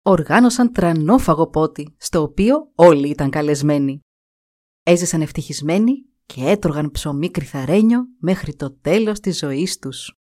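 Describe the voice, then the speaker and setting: A woman storyteller reading a fairy tale aloud, expressive and animated. Her voice sits fairly low yet swings widely and vividly in pitch as she tells the story.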